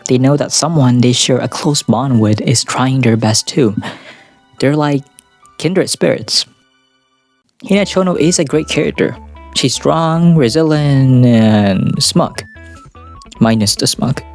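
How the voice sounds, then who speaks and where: Over background music, a man with a medium-pitched, darkish voice takes it slowly as he delivers anime review commentary. The video essay is casual and opinionated, informal and sweary, punctuated by dramatic asides.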